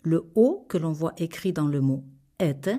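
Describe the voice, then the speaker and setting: A woman reading a scripted language lesson in a measured, clearly articulated way. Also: sits low, expressive, warm tone. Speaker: language teacher. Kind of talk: scripted instructional narration.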